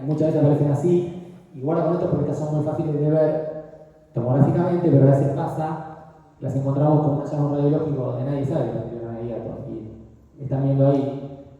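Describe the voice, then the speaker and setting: An older man lectures on radiology, often pausing to ask his students whether they follow. His voice is dark and mellow, and it is picked up from a distance in a very echoey room with a long reverb tail, on a dull, muffled recording. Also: mid-range voice. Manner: explanatory, frequently checks understanding with "¿sí?".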